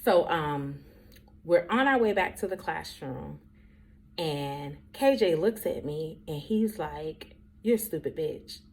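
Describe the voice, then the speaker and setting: A woman in her forties, a teacher, telling a story in an animated, chatty way and talking straight to her viewers. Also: low voice, takes it slowly. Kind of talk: casual storytelling vlog.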